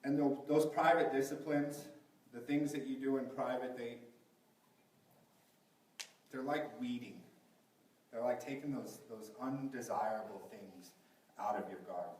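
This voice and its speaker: A man preaching at a pulpit microphone, heard from some distance in a large, very echoey church hall. He keeps putting questions to his congregation, and his voice sits at a middle pitch. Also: a little mellow. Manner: asks the congregation rhetorical questions. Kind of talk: sermon.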